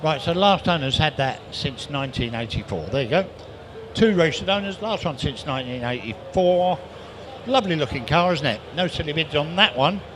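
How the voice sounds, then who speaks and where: A man's voice: on the high side, animated. A man with an English accent working as an auctioneer, giving a live auction patter with repetitive bid calls and chatty asides. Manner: rapid repetitive calling of bids, chatty asides. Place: live car auction, amplified to bidders. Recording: live auction sound with clear background noise.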